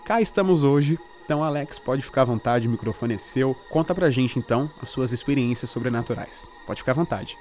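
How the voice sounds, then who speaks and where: A man with a Brazilian Portuguese accent, the host of the show, introducing his guest in a relaxed, chatty way. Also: mid-range voice, a little fast, soft background music.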